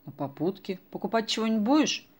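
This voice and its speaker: Woman reader as a snappy, rude young shop girl, loud. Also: mid-range voice, big pitch swings, fast, husky, voice pushed up. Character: rude, irritable young kiosk saleswoman.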